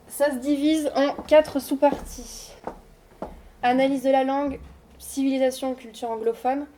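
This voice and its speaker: A young adult student gives an informal, reassuring presentation to high schoolers in a school room. Her tone is warm, she hesitates often with fillers, and there's slight background noise.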